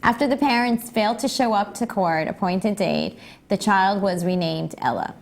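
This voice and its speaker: A young woman co-hosting a casual talk show, playful and quick to laugh. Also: mid-range voice, animated. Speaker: co-host. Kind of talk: casual chat show banter.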